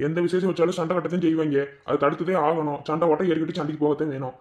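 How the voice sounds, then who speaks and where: A man's voice: fairly high pitch, flat delivery, a little mellow, muffled recording, lightly acted. A man voicing a grown village son in a cartoon, coaxing his mother in a Madurai Tamil accent. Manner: brisk, coaxing.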